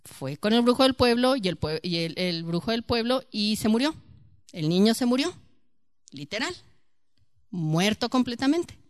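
A woman Bible study leader with a smooth, mid-range voice leads a church teaching, telling a story and firing rhetorical questions at the congregation in an animated way. The recording is clean studio sound with no room sound.

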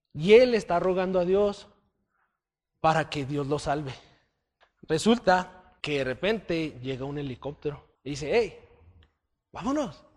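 A man giving a conversational Bible teaching, often checking in with his listeners. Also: a little high. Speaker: church teacher.

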